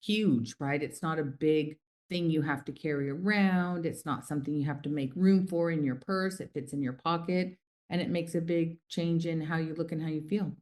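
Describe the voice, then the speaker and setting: A woman's voice: sits low, normal speed, few pauses. A middle-aged woman from the United States, a company founder, telling stories chattily with lots of fillers in an interview. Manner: chatty, warm storytelling with many fillers. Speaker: guest, lip color company founder. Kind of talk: casual interview conversation.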